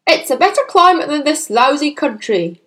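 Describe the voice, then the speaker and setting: A woman's voice: high-pitched, very animated, moderate pace, fairly bright tone, voice pushed up. A woman voicing an impatient, bad-tempered father in a children's audiobook, barking curt commands. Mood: brusque, hurried. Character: brusque, bad-tempered father, middle-aged man, impatient bully.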